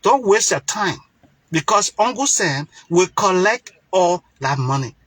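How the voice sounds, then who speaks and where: High-pitched, expressive, a bit bright, and a little slow, this Liberian man with a Liberian accent preaches an impassioned political monologue, using repetition for stress. He's a political commentator, heard with no echo.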